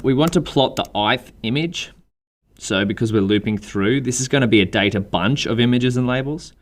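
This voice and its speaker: A man with an Australian accent, talking through a coding tutorial in a relaxed, chatty way and thinking aloud while he types. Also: mid-range voice, normal speed. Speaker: programming instructor. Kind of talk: screen-recorded coding tutorial. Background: keyboard typing.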